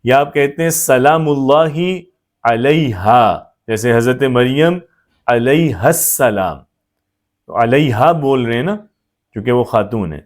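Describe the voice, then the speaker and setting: A man teaching Arabic grammar, patiently repeating each form and often checking that the class has understood. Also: medium pitch. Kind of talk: explanatory grammar lesson.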